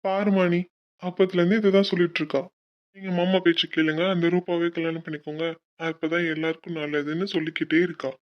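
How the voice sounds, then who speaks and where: Woman doing a chill teasing young guy in a cartoon, lowish voice, dull lo-fi sound. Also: flat delivery, fast, natural voice. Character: young man in love, teasing and good-natured. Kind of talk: cartoon voice acting.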